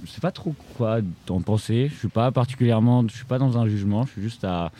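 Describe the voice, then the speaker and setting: A man's voice: mid-range voice, fast, warm tone, slight background noise. A teenage boy giving thoughtful, easygoing interview answers. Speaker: young guest.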